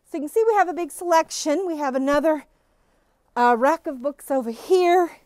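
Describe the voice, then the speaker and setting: A middle-aged woman in a face mask gushes over new stock during a casual quilt-shop tour, addressing the phone camera that follows her. Her bubbly voice sits high, moving at a moderate pace with a darkish tone and no room sound.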